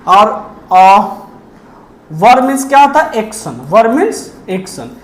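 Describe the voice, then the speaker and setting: A woman teaching a grammar lesson, who poses questions and answers them herself and repeats key terms slowly. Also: a little high, sing-song, roomy sound.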